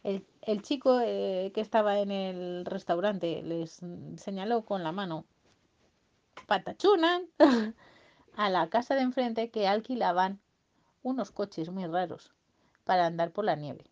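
A woman's voice: mid-range voice, unhurried, darkish tone. A woman improvises a bedtime story for a child, full of playful sound effects and silly sung bits. The recording is dull and lo-fi, like a home device.

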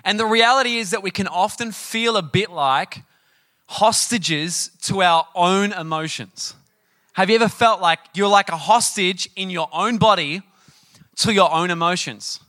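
A middle-aged man preaching a sermon, telling personal stories in a chatty, animated way and often asking the audience questions. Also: high-pitched, measured pace, no room sound. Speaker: pastor.

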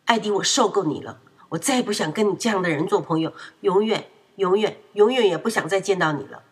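A woman's voice: medium pitch, moderate pace, husky. A woman voicing a proud, quarrelsome young boy in a children's story, raising her voice when he gets upset. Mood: angry. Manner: excitable, shouts when upset.

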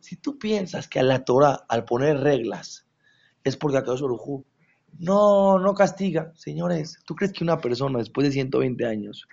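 A man giving a Torah class as a religious teacher, animated and rhetorical, often checking that his listeners follow. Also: medium pitch, normal speed, creaky, dull audio.

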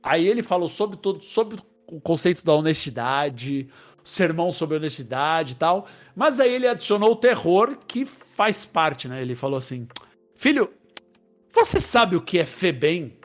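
Casting note: a high-pitched man, animated and laughing as he tells a story in relaxed chat. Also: moderate pace, faint music behind.

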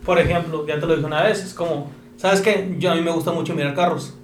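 A man with a Mexican accent talks plainly and bluntly, ticking off everyday examples and cursing freely. His voice sits a bit high for a man. The recording is roomy and echoey, with a faint hiss underneath. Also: fairly even intonation, fast. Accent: Mexican Spanish. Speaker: guest chef. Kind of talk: casual podcast chat. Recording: echoey room with faint noise.

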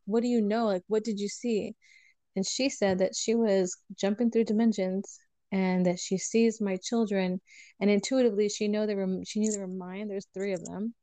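A woman's voice: mid-range voice, dark tone, no room sound. A woman chatting casually on a podcast, telling a personal story candidly and acting out the voices of people she quotes.

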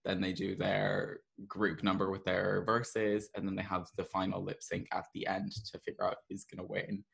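A man's voice: sits low, completely flat delivery, moderate pace, creaky, a bit bright. A man hosting a podcast in a casual, conversational way. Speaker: podcast host.

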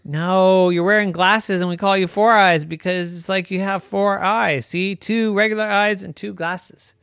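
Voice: medium pitch, steady tone, unhurried, fairly bright tone, pitched above the performer's own voice. A storyteller voicing a frog's family, talking in a blunt, matter-of-fact, scolding way. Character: blunt, bossy frog family.

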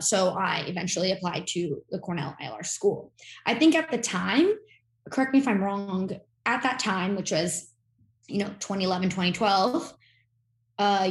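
A young woman from Miami talks through her story in a loose, chatty way. She piles on fillers and restarts. Her voice carries the echo of the room. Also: mid-range voice. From Miami, Florida. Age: young adult. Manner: rambling, filler-heavy, chatty. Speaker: guest, incoming podcast host. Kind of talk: casual interview chat.

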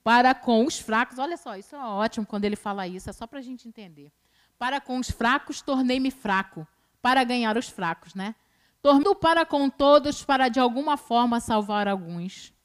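Brazilian woman preacher, high voice, chatty colloquial sermon, teasing, loud then hushed, church service. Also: normal speed.

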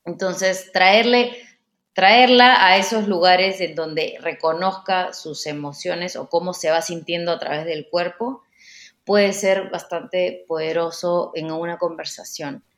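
A woman's voice: on the low side, steady tone, slow pace, fairly bright tone, reverberant. A woman giving relationship advice in a casual, explanatory way, often repeating words as she thinks.

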